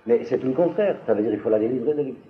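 Man lecturing with lively pitch, tinny recording. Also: rapid-fire. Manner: hesitant, restarts, asks if clear. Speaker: teacher. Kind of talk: lecture on biblical texts.

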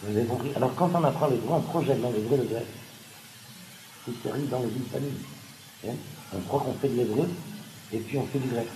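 A man giving a lively seminar lecture, pausing with frequent asides and restarts. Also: medium pitch. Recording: echoey room with background noise.

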